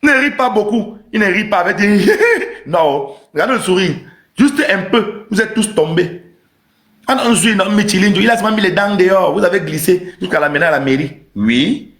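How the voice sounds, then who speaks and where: A man's voice: fairly high pitch, a bit bright. A man hosting a live stream with an emphatic, teasing comic rant, repeating his points. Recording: roomy echo.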